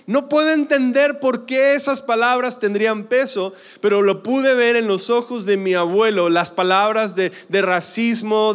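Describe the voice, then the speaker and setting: A young man with a Mexican accent tells a personal story in a high, smooth voice. His delivery is loose and conversational, with many fillers. The sound rings with a long hall reverb. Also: fairly bright tone. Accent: Mexican Spanish. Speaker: speaker. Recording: echoey hall.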